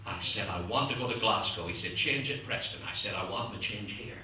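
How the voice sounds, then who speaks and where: A man doing stand-up one-liners in a club, chatting to the audience as ladies and gentlemen. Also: on the low side, brisk, very noisy. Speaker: stand-up comedian. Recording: echoey club from a distance. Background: audience laughter.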